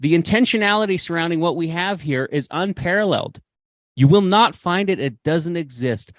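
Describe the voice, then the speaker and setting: A man's voice: fairly high pitch, animated, moderate pace, no room sound. A man hosting a podcast, speaking with impassioned, preachy conviction and repeating phrases for emphasis. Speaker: podcast host. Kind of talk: motivational podcast talk.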